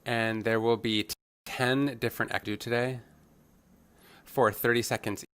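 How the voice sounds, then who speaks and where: A man's voice: mid-range voice, little pitch movement, unhurried, a bit bright, clean tone. A man voicing a fitness trainer's signing as a live interpretation, giving upbeat coaching and calling out workout instructions.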